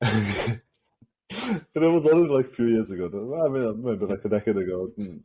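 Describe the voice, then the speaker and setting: A man's voice: on the low side, expressive, normal speed, dark tone, husky. A man hosting a comedy podcast, telling a rambling story full of "uh" and "you know". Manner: rambling with many fillers, joking. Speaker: podcast host. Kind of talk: casual comedic chat.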